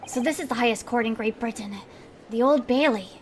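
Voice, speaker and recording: A woman voicing an earnest, nervous young male defense lawyer, speaking in a reflective, quiet way. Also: on the high side, brisk, noisy background, lightly acted.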